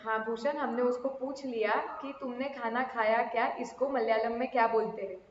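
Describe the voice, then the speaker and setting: A woman teaching accounting in a live online class, mixing Hindi and English, chatting with students and reading questions slowly. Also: on the high side, fairly even intonation, echoey room, in a large hall, muffled recording, slight background noise.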